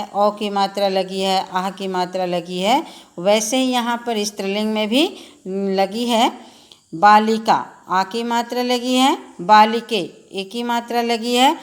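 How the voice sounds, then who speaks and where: A woman teacher giving a lesson to children, reciting word forms in a sing-song drill and speaking to them patiently. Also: medium pitch. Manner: addresses children directly, patient and instructive.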